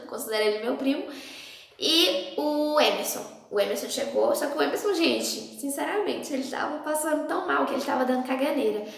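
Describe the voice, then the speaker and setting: A young woman, casually telling a personal story to camera in a chatty, animated way and acting out the people in it. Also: sits high, creaky. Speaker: vlogger. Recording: very echoey room.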